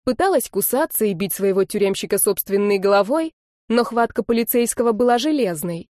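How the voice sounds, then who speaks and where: A woman reading an audiobook in the first person with a mellow, warm voice. Her telling is lively and expressive, recorded close with a dry sound. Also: mid-range voice, brisk, no echo. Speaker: audiobook narrator. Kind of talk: first-person scripted narration.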